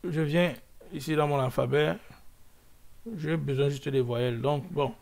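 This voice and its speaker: A man walks through a coding lesson at an unhurried, halting pace, often pausing on fillers and starting sentences over. His voice sits a little high for a man and has a gravelly edge. He thinks aloud as he works through each step. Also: steady tone, a little mellow. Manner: slow, hesitant, many fillers and restarts; thinks aloud while working. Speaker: coding tutorial host. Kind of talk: screen-recorded coding lesson.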